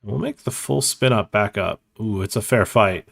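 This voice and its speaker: A man's voice: lowish voice, normal speed, vocal fry, a bit bright. A man streaming online poker, thinking aloud in casual, self-mocking commentary and swearing freely.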